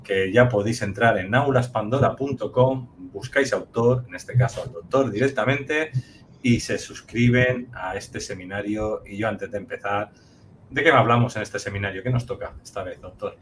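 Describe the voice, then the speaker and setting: A man's voice: lowish voice, moderate pace, slight background noise. A man from Catalonia with a light Catalan accent, hosting a chat and joking and laughing often. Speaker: host. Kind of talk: casual conversation.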